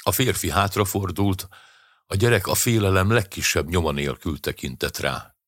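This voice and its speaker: Deep-voiced man reading a story. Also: fairly bright tone, no echo, clean studio sound. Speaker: audiobook narrator. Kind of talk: scripted narration.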